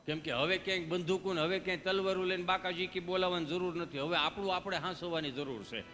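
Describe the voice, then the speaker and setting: A man's voice: high voice, steady tone, quick pace, pushed and bright, big-room sound. A man with a Kathiawadi Gujarati accent performing a live stage comedy monologue, telling folksy stories with preachy asides. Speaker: stand-up comedian.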